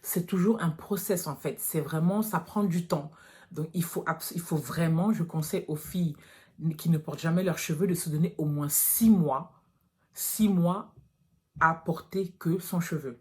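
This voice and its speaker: Her voice is low and unhurried. She's a French natural hair vlogger in her thirties who talks to viewers frankly and directly in a casual vlog, addressing them as girls.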